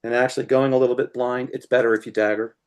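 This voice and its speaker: A man's voice: medium pitch, fast, smooth. Chatty man demonstrating fly tying. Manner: chatty, lots of "you know" fillers; animated, laughs as he tells stories. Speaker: guest fly tier. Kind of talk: casual storytelling while demonstrating fly tying.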